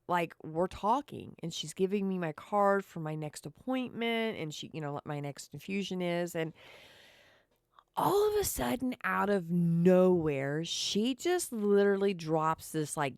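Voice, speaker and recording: A woman talks slowly and sarcastically as a podcast host, chatting straight to her listeners. Her voice sits a little low. The sound is dry and close, with no room echo. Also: sing-song. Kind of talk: casual monologue.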